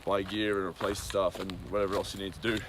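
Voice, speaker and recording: Out on a cold trail, a male long-distance hiker rambles through his daily update, full of ums and side tangents. He speaks fast in a low-pitched, level tone against a noisy background.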